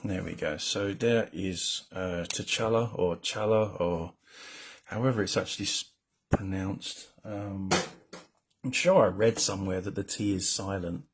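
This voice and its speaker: Speaking in a low mumble, a comic colorist offers loose, wandering commentary as he draws on a livestream, often poking fun at himself. His tone stays steady, his pace is a little slow, and there's a bit of background noise.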